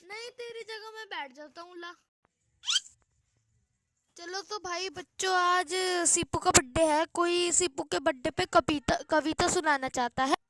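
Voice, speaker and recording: A woman's voice: very high voice, unhurried, noisy background. A woman playing a strict, short-tempered male schoolteacher in a comic school skit, scolding and exasperated. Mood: coaxing. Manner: scolding, exasperated, threatens with a stick.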